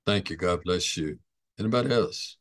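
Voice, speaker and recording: A man's voice: sits low, moderate pace, no echo. A man, a pastor, leading a church Bible study in an easygoing way, inviting the group to speak.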